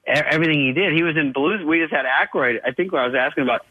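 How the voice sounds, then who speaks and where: A man guest swapping comedy stories in a casual chat, animated and voicing others as he tells them. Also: a little high, fast talker, narrow, tinny audio, background noise. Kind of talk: casual anecdote telling.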